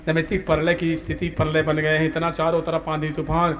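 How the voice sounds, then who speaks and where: Pleading devoted boy soothing an angry god , put on by a male preacher, softer and lower. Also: monotone, fairly quick, lightly acted.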